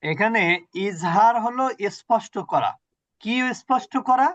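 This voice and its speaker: High-voiced man teaching Quran recitation. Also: expressive, a little slow, dry recording, lo-fi sound. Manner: patient, repeats points and quizzes students. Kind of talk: online tajweed lesson.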